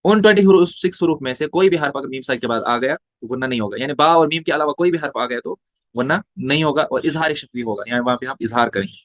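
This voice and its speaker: A man's voice: mid-range voice, quick pace, fairly bright tone, dry recording. A man teaching a tajweed lesson, spelling out letters and vowel marks one by one and asking and answering his own questions. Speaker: Quran recitation teacher.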